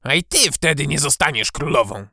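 A squawking, bossy crow-creature prince. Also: male voice, on the high side, expressive, normal speed, vocal fry, bright, forceful tone, no echo, clean studio sound, exaggerated voice. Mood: commanding. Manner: cawing, scolding, commanding. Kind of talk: audiobook character voice.

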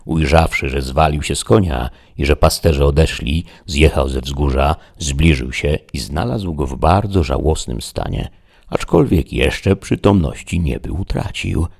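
A man narrating a classic novel in a measured, even audiobook reading. His voice is extremely low and gravelly, with a husky, unclear grain. The delivery stays steady and unhurried.

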